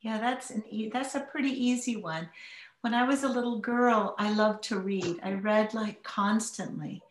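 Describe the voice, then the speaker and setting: A woman guest telling stories from her childhood in a warm, reflective, conversational way. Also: a little high, normal speed, roomy sound, a little hiss or hum. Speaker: interview guest. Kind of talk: conversational storytelling.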